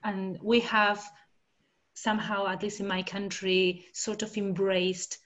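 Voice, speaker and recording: A translator from Argentina, Spanish being her first language, chats about research and translation slowly and with flat delivery. Her medium-pitched voice has a fairly bright tone, and she hesitates a lot, filling pauses and restarting sentences.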